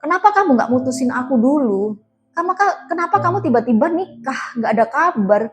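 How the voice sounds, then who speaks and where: A woman voicing a hurt, bitter married woman who fires sharp, reproachful questions. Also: sits high, expressive, fairly quick, faint music behind.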